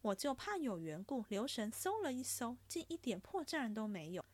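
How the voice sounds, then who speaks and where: A woman's voice: on the high side, sing-song, normal speed, darkish tone, no echo. Woman doing a witty, teasing young maid. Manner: teasing, playfully scolding. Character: clever, witty young maidservant, quick to tease.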